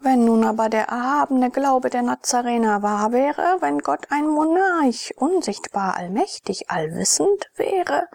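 A woman's voice: high voice, animated, a little slow, creaky, hardly any pauses, darkish tone, dry recording, pitched above the performer's own voice, exaggerated voice. A woman voicing a zealous, vehement young male priest in an audiobook, speaking fervently and urgently.

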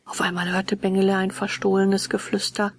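A woman's voice: medium pitch, moderate pace, slightly rough. Woman reading a children's story aloud. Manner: lively, animated character voices. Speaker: audiobook reader. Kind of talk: storybook narration.

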